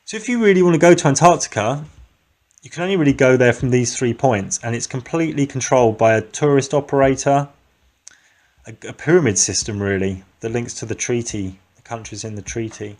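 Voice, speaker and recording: A man with a mid-pitched voice talks casually and bluntly about his own experience. He keeps it plain and chatty, without polish. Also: brisk, darkish tone. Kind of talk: casual storytelling.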